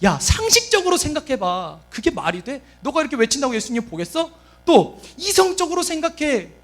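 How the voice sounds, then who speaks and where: A man voicing scolding, annoyed bystanders who hush someone. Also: extremely high pitch, huge pitch swings, fairly quick, voice pushed up, heavily acted. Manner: scornful, hushing.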